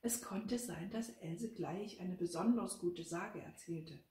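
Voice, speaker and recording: A woman author reading from her novel with an expressive, lively delivery. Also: on the low side, takes it slowly. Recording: roomy, from a distance.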